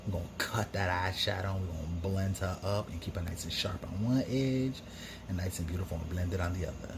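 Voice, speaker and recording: A man with a fairly low voice hosts a makeup tutorial as a sassy drag queen. His talk is campy, chatty and full of slangy exclamations. There is faint noise behind him. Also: a little fast, creaky. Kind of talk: casual makeup tutorial commentary with chatty asides.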